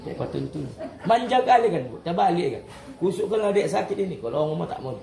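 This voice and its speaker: A man leads a religious study circle for women, telling stories with a chuckle and often correcting himself mid-sentence. His voice sits high, and it rings around an echoey room. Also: very animated, fast talker, vocal fry, mellow. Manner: jokey, chuckling storyteller. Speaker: religious teacher.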